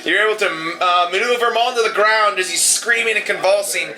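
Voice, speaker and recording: A man with a high, very bright voice narrates a tabletop horror game as game master. He describes scenes haltingly, leaning on fillers, over faint music in the background. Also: low-quality recording.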